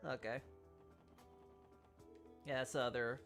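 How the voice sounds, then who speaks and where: A woman's voice: rumbling low, level tone, slow, over music. A woman chatting casually as she streams a game. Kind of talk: casual livestream chat.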